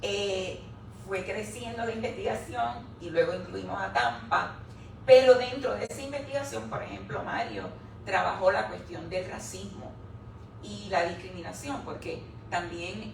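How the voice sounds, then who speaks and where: A middle-aged woman with a gravelly, mid-range voice stands before an audience at a book presentation, explaining her research chapter step by step in an academic talk. The recording comes from a room at the live event, echoey and picked up by a distant mic with background noise.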